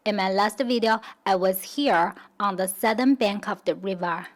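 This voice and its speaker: A woman from China narrating a travel vlog, explaining history and pronunciation in a steady teaching manner. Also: medium pitch, normal speed, low-quality recording. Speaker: travel vlogger. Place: outdoors in a riverside town.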